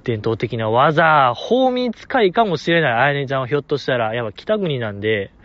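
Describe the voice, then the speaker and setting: A man with a Kansai accent hosting a solo podcast, gushing like an excited fan and chuckling often as he talks. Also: medium pitch, fairly quick. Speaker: podcast host. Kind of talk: casual solo podcast chat. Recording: dull lo-fi audio.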